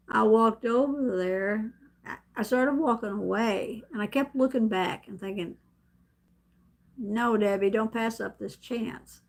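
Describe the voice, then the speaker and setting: A middle-aged woman telling a story on her own live stream at home, rambling and chatty, laughing often and restarting her sentences. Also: mid-range voice. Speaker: vlogger hosting a live stream. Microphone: camera set up in front of her.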